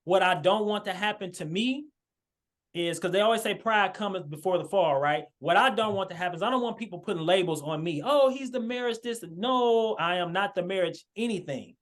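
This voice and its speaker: A man with a high, slightly fast voice hosts a marriage podcast over a video call. He speaks earnestly in a casual chat, full of fillers and restarts.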